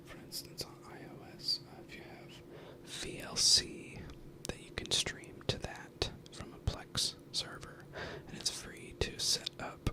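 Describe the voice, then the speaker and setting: Casting: man, thirties, for close-to-the-ear ASMR whispering, casual rambling delivery, fully hushed. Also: a little slow, poor audio. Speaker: ASMR video creator. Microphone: close binaural mic, ear to ear.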